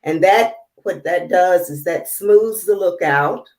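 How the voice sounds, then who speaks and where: Woman host, low voice, casual halting tutorial patter on a video call. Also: darkish tone. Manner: halting, many fillers while working; checks the viewers can see. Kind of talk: casual live demonstration.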